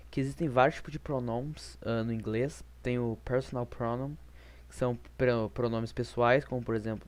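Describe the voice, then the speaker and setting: A man's voice: medium pitch, a little mellow. A man, giving a casual online lesson in an informal, self-deprecating way with frequent restarts. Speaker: English teacher on video.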